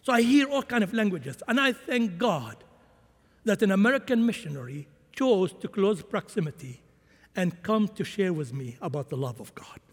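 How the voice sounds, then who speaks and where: A man's voice: high voice, big pitch swings, moderate pace, slightly rough. A man who grew up in Syria, preaching a sermon with impassioned swings in volume. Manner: impassioned, rising and falling volume. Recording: long hall reverb.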